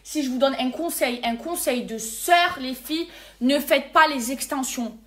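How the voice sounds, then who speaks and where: A high-voiced woman vents to her followers in an irritated, emphatic rush. She repeats words and oaths to press every point, talking straight into a phone held close in a casual vlog. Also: unhurried, fairly bright tone, slight background noise. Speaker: social media personality.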